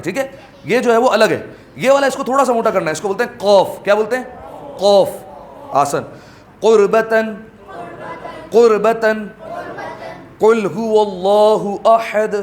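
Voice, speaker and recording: A man teaching tajweed pronunciation to a class, slowly stretching out Arabic sounds for students to repeat and then explaining quickly. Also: high voice, slight background noise. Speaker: Quran recitation teacher.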